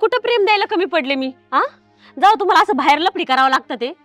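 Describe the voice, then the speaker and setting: A woman playing a shrill, nagging wife. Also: lively intonation, quick pace, fairly bright tone, no room sound, soft background music. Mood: accusing. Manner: reproachful, nagging questions. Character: hurt, accusing village wife in her prime. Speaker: suspicious wife. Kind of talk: comedy film acting.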